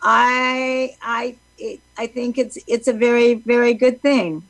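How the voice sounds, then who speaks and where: A woman's voice: a little high, takes it slowly, no room sound, poor audio. A woman guest on a live talk show, telling stories with lots of fillers and restarts. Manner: animated storyteller with many fillers.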